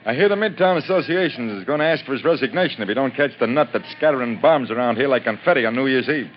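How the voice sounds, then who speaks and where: A man's voice: mid-range voice, fast talker, soft background music, close to an everyday voice. An American actor playing a slangy, cynical, jittery city policeman in an old-time radio drama. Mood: wry, jittery. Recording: muffled vintage radio recording.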